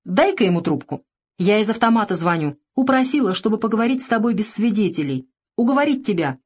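A woman's voice: medium pitch, sing-song, quick pace, darkish tone, slightly rough, voice pushed up. A woman reading the part of a frightened young woman who sobs and pleads on the phone, in an audiobook. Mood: frantic. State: sobbing.

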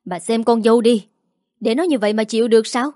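A woman's voice: fairly high pitch, fast, warm tone, no room sound, studio quality, lightly acted. A woman reading a storybook voices a stern older father who speaks through clenched teeth.

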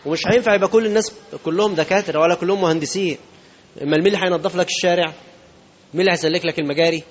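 A man's voice: high voice, racing, dull audio. A man preaching a sermon in Egyptian Arabic, speaking conversationally and asking his listeners rhetorical questions. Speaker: sheikh.

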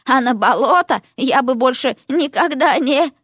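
A woman voicing a vain, dreamy young female frog who boasts and croaks in an audiobook. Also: high-pitched, animated, measured pace, a bit bright, no room sound, clean studio sound, full character voice. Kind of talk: audiobook character voice.

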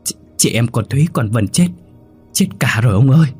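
A man voicing a frightened young male servant who stammers, in a husky voice a little above his own. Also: on the low side, moderate pace, faint music behind. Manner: stammering, fearful.

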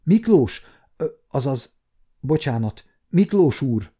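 A man's voice: medium pitch, big pitch swings, mellow, slightly rough. A man voicing an earnest, polite young male page who stumbles over forms of address. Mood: eager, polite.

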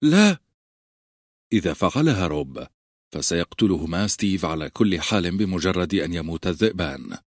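A man reading a novel aloud as an audiobook narrator, with steady storytelling. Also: sits low, fairly quick, no room sound. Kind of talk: scripted narration.

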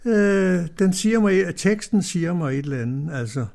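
An older man reminiscing, slow and reflective, pausing with fillers. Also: sits high, expressive, gravelly, a little mellow. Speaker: interviewee recalling his childhood. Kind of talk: reminiscing in a radio documentary.

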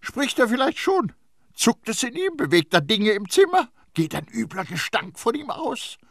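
A man voicing a fussy, pompous middle-aged priest who lectures in a high, indignant voice. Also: sing-song, moderate pace, fairly bright tone, dry recording, clean studio sound, heavily acted. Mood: indignant lecturing.

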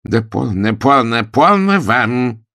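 A man voicing a strict, commanding old female governess in an audiobook, with slow, drawn-out scolding commands. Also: medium pitch, wildly swooping pitch, vocal fry, husky, dry recording, clean studio sound, pitched above the performer's own voice, exaggerated voice. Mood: stern. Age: older. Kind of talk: audiobook character voice.

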